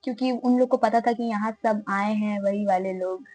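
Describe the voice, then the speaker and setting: A woman's voice: mid-range voice, moderate pace, no room sound, poor audio. A young woman, casually telling a funny story and acting out her friends' lines. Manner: animated, laughing, acts out friends' lines. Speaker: vlogger.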